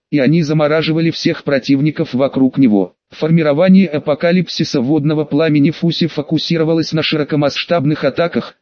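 Man reading an audiobook, steady measured voice, bit high, muffled dry sound. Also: dry recording. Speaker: audiobook narrator. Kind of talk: scripted narration. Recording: dull, dry studio recording.

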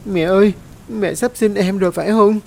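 A man's voice: high-pitched, steady tone, normal speed, vocal fry, darkish tone, pitched above the performer's own voice. A man voicing a small frightened child pleading tearfully with its mother in a ghost story reading. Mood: anxious.

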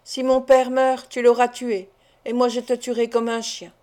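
A desperate young sailor speaks with raw intensity, as a woman reads him aloud. The voice is fairly high and warm. It is a plain audiobook rendering. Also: fairly even intonation, moderate pace, lightly acted. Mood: threatening. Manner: pleading, then threatening with force. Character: desperate young sailor pleading for his dying father. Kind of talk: audiobook reading.

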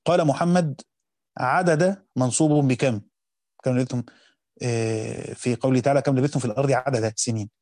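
An Egyptian teacher reads a Quran commentary aloud quickly in a dark, dry, medium-pitched voice, slowing down to explain points of grammar. The recording is dry, and the talk mixes the classical text with spoken explanations.

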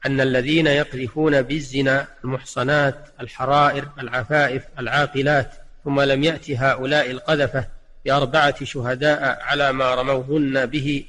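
A man delivering a scripted religious lesson in formal Standard Arabic, with a measured, classical delivery. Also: mid-range voice, flat delivery, a bit bright. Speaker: religious teacher giving a recorded lesson. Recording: long hall-like reverb.

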